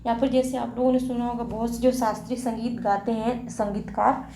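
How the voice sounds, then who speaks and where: A woman teaching grammar in a slow classroom way, asking questions and then answering them herself, and repeating key terms. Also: a little high, flat delivery, dark tone. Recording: echoey room with faint hiss.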